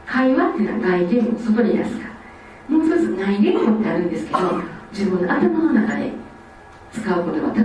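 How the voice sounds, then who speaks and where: A quick-speaking woman lectures in a lively way about how children learn to speak. Her mellow voice is picked up by a distant mic. It rings through a very echoey hall over faint ambient noise. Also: mid-range voice. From Osaka. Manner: lively, acts out children's speech.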